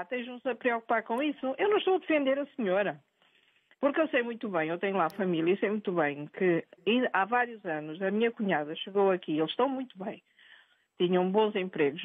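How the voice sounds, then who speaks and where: An older woman phones in to a news programme, talking in an insistent, rambling way and circling back over her own words. Her voice sits a little high and comes through a tinny, dry phone line. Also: no echo. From Angola. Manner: insistent, rambling, repeats herself. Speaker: caller. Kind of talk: phone-in opinion.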